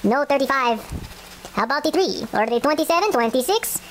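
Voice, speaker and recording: Female host, high voice, put-on Russian accent, casual play-by-play, light scratching noise in a home recording. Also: animated, brisk. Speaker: host of scratch ticket videos. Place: indoors at a wooden table. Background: scratching of lottery tickets.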